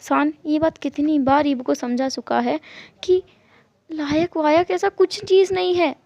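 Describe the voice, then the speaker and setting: A woman's voice: high voice, fairly even intonation, measured pace, vocal fry, mellow, dry recording. A woman narrating a fan-fiction story in a casual, chatty way, with asides to her listeners. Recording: muffled lo-fi recording.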